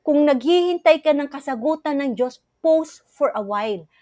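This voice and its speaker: A woman with a high, bright voice shares a personal testimony sermon in an earnest, pleading way, acting out her own prayers. The sound is close and dry, with no room around it. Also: expressive, moderate pace, dry recording. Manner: earnest, prays aloud in quoted pleas. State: tearful at moments. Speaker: preacher.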